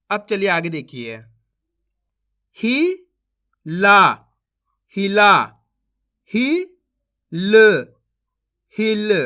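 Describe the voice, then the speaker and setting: A man's voice: high voice, sharp tone. A man teaching beginners to read Hindi, sounding out words syllable by syllable and talking to viewers as friends. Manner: slow syllable-by-syllable drilling, addresses viewers as friends. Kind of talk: online reading lesson for beginners.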